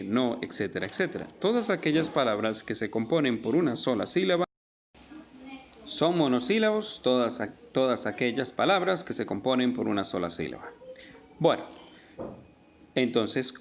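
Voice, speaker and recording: A man teaching spelling rules in a recorded lesson draws out each example word slowly and stresses it emphatically. He has a mid-range, creaky voice, captured in dull audio.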